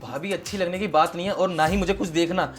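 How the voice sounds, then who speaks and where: A man's voice: sits high, quick pace, soft background music, natural voice. A young man playing a dutiful student brother-in-law in a short film drama, earnest and exasperated. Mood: exasperated refusal. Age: young adult.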